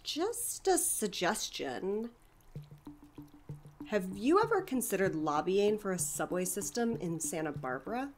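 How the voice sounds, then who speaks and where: Over soft background music, a woman speaks at a measured pace with a very animated voice. She plays a chatty, enthusiastic community center director in an audio drama, talking expansively and persuasively, eager and keen to pitch her ideas.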